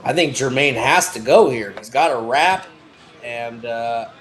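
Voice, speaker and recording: A man with a medium-pitched voice commentates on poker. He is offhand and blunt, speaking casually and without a script. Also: lively intonation, unhurried, fairly bright tone.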